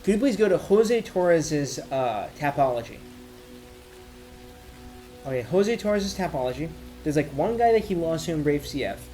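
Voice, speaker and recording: A man giving a casual, off-the-cuff sports rant, rambling and thinking aloud in halting bursts as if he has had a few drinks. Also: a little high, lively intonation, warm tone, faint music behind. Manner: drinking while ranting, tipsy rambling. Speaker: MMA commentator giving opinions.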